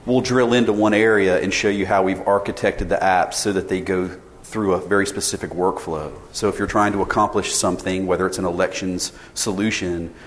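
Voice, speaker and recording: This low-pitched man in his forties talks fairly quickly with fairly even intonation and hardly pauses at all. As a sales director presenting casually at a conference, he asks the audience questions and restarts sentences often. The tethered mic captures a reverberant session room with faint ambience.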